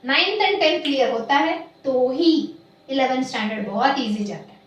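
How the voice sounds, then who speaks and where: Woman teacher, high voice, slow and deliberate, drilling students, very echoey room far from mic. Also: dull audio. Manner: slow, deliberate stressing of key terms, quizzing students. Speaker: biology teacher. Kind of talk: classroom lecture mixing Hindi and English.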